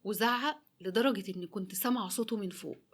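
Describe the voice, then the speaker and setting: Fast-talking Egyptian woman storyteller. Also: medium pitch. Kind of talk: first-person story narration.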